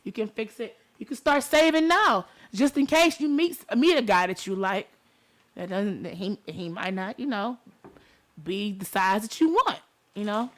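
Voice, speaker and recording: With lively intonation and a moderate pace, a Detroit-accented woman from Detroit hosts a talk show in mid-range voice. Her chat is informal and addressed straight to her listeners.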